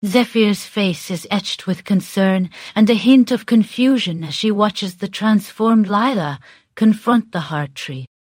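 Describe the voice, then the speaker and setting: A woman reading her character's part of a role-play story in a clear, even way. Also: mid-range voice, a little slow, no room sound, studio quality. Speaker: player narrating her character.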